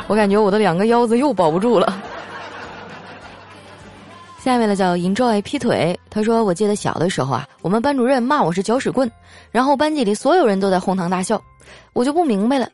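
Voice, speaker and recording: A woman's voice: mid-range voice, a little mellow. A woman hosting a comic show, reading listener jokes in a playful way and laughing often. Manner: playful, laughs often, acts out quoted lines in a raised voice. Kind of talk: comic podcast joke reading. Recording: light background music.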